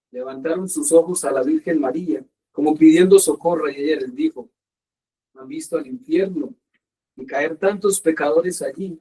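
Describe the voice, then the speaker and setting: A man giving a sermon as a priest, earnest and emphatic, slowing down to stress his points. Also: on the high side, dark tone, recorded from a distance, rough recording. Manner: earnest, slow emphatic preaching with pauses.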